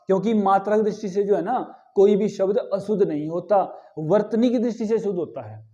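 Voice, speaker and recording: A man teaching a grammar lesson, repeating each word slowly and asking the students questions before answering them himself. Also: high-pitched, dark tone, muffled recording.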